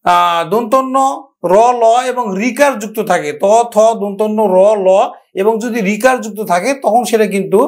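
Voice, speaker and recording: A man teaching a pronunciation lesson, talking directly to students and repeating example words slowly. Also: high voice. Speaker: Bengali language teacher. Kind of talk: classroom-style grammar lesson.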